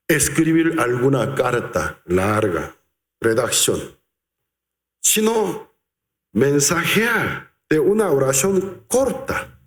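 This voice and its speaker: Pastor preaching in echoing hall. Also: male voice, a little high. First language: Korean. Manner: slow, emphatic preaching with drawn-out words. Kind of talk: sermon. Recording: reverberant church hall.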